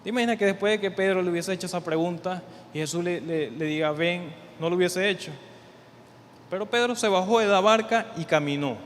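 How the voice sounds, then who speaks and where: A man preaches from a church stage in a high, light voice, circling back on his own words as he builds each point. The sound carries a long hall echo with a faint hiss underneath. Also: fairly quick. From Venezuela. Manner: conversational, repeats words while building points. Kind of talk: sermon. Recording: reverberant hall with faint noise.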